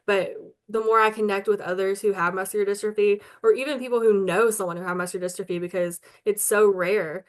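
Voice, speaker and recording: Earnest, smooth-voiced woman interviewee. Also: mid-range voice, steady tone, brisk, few pauses. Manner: earnest, chatty, many ums and likes. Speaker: local advocate interviewed as guest. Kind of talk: casual interview answers.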